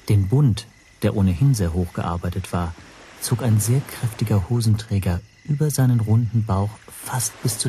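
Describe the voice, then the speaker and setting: For a radio drama, an actor plays an observant language teacher telling his own story in a measured, dryly descriptive way. His voice is lowish, mellow, and natural, with slight background noise.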